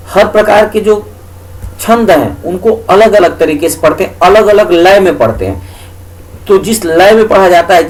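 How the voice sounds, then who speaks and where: A man's voice: sits high, a little mellow, low-quality recording. A male teacher explaining a lesson for exam students, asking questions and answering them himself and repeating each key point.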